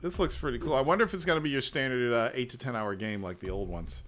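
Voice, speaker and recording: A man's voice: medium pitch, quick pace, a bit bright. A man hosting a podcast, chatting casually about a game as it plays, swearing and laughing often. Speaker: podcast host. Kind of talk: casual chat over gameplay.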